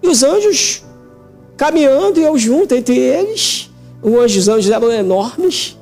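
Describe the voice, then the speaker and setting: Male interview guest, testimony of a vision; gravelly, mellow, emotional, repetitive phrasing. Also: very high-pitched, lively intonation, a little slow, faint music behind.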